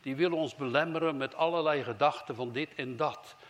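A man delivers a fervent sermon, his voice sitting fairly high for a man. He pushes key phrases out loudly and then drops to low, hushed lines. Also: a little fast. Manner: fervent preaching, swings from loud emphasis to low hushed phrases. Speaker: preacher.

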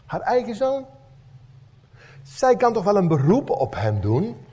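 Slow, animated, husky male preacher. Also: high-pitched. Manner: storytelling, dramatic rhetorical questions. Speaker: pastor. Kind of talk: sermon.

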